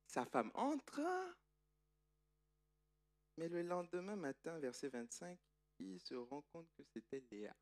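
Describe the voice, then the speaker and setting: A male pastor preaching a sermon in an animated, conversational way. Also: on the high side, slow, pauses often.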